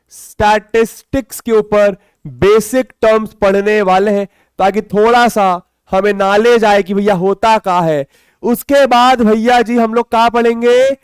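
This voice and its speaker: A young man teaching a live online math class, playful and chatty, repeating words in quick bursts as he talks to students. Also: high voice, clean tone, no room sound.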